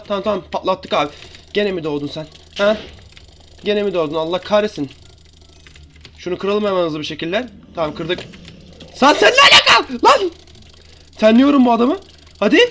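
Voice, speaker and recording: A young man giving chatty, excitable live commentary over his own gameplay as a gaming YouTuber, talking to viewers and opponents. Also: high-pitched, a little hiss or hum. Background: keyboard and mouse clicks.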